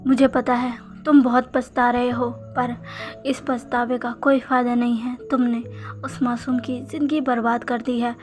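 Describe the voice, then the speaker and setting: Woman narrator doing a stern mother, quiet and firm, slightly high voice. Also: little pitch movement, a little slow, faint music behind, lightly acted. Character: stern grieving mother, unforgiving of her son.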